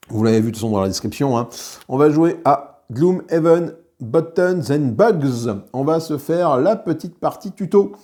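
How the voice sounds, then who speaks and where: A man talks through a solo board game session in a relaxed, chatty way, often trailing off into hesitations and joking at his own expense. His voice is mellow and dark, sitting at an ordinary middle pitch. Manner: chatty and self-mocking, with many hesitations. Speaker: board game video host. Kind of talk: casual solo playthrough commentary.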